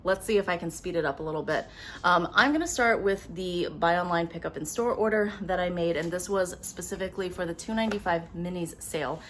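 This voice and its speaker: Woman, low-pitched, casual haul vlogger; quick, upfront delivery at home with faint background noise. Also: a bit bright. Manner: chatty, upfront, talking quickly to camera. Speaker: beauty vlogger. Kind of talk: casual product haul vlog. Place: at home with windows open. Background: faint household noise, dog walking around.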